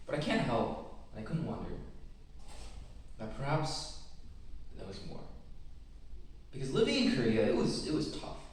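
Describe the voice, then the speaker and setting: Teen boy, West Coast American accent, measured reflective talk, very echoey room, distant mic, faint background hiss. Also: mid-range voice, a little mellow. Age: teens. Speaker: student speaker. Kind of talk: prepared personal talk.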